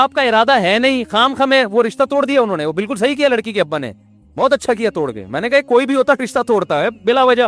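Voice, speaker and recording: A man giving a conversational religious talk, telling stories with acted-out dialogue and laughing at his own jokes. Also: on the high side. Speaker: Islamic scholar giving a talk.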